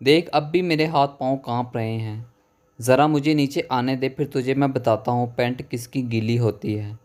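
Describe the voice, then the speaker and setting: A man reads out a hot-tempered young lad from a horror storybook, blustering and quick to threaten his friends. The voice sits at an ordinary middle pitch, close to the reader's own. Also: a little mellow, close to an everyday voice. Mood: angry. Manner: blustering then stammering.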